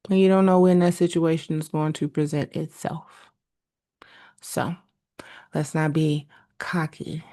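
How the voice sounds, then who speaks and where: A woman's voice: fairly low pitch, dark tone. A woman hosting a podcast, speaking in an earnest, preachy solo monologue straight to her listeners. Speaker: podcast host.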